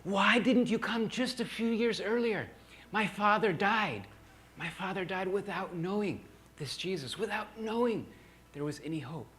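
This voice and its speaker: A man voicing a grieving old village shaman grandfather, crying and pleading in a high, strained voice. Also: animated, brisk. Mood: anguished.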